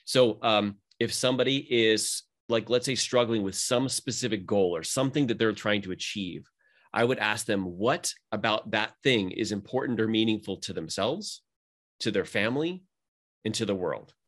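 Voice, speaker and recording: A man, a mindset coach, talking energetically in a casual conversation, his pitch jumping up on emphatic points. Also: moderate pace. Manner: energetic, motivational, rising pitch when emphatic.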